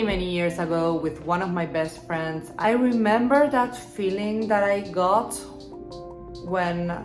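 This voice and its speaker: Woman, thirties, slow easy vlog chat, lowish voice, roomy room, guitar music under. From Argentina. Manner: chatty and upbeat, answers questions she reads out herself. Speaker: image consultant and stylist. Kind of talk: casual get-to-know-me vlog.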